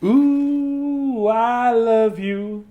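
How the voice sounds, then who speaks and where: A man reading children's bedtime stories chats casually with viewers in a silly, playful way, breaking into singsong scatting. His voice is very high and warm, and he speaks very slowly.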